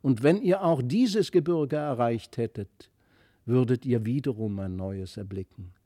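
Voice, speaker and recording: A man reading the lines of a mysterious fairy child in a fairy-tale audiobook, softly earnest and wistful. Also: mid-range voice, a little slow, no room sound, clean studio sound, close to an everyday voice. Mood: gentle.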